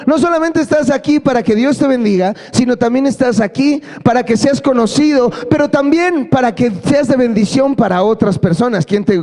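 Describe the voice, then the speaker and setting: High-voiced pastor, playful sermon. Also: male voice, dark tone. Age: adult. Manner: playful, asks the congregation for amens. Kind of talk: lively sermon. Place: church service.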